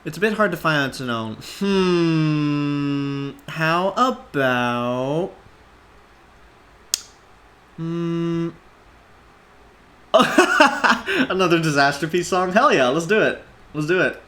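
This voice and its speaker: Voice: medium pitch, animated, fast talker, fairly bright tone. A streamer giving a casual live breakdown of a song's melody, humming phrases on nonsense syllables and talking through ideas loosely. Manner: loose, conversational, thinking aloud with fillers; reads and answers viewer requests. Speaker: music analysis streamer.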